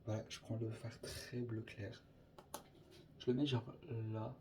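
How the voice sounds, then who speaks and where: A man's voice: fairly low pitch, little pitch movement, a little slow, background noise. A young man chatting casually through a makeup tutorial, rambling and scattered, dropping English filler words. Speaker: makeup vlogger.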